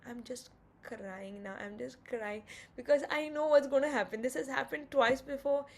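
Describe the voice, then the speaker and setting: A woman's voice: high voice, normal speed, vocal fry. A woman tells her birth story in an emotional, vivid way, acting out the voices of others and correcting herself as she goes. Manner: vivid retelling with quoted dialogue and self-corrections.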